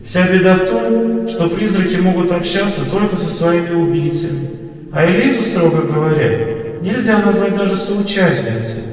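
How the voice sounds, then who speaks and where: A soft, wistful female ghost, as a man reading the story puts her on, high and calm, heard from a distance in a long echoing reverb like an empty hall. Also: normal speed, lightly acted. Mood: gentle. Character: ghost of a murdered wife, gentle and forgiving.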